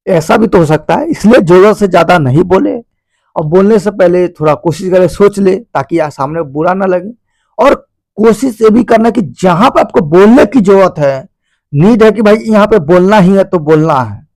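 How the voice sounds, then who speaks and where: A man's voice: sits high, a little mellow, no echo. A man hosting a video, casually explaining a self-help book to his viewers in a conversational, repetitive way. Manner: conversational and repetitive, addresses listeners as "bhai". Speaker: video host.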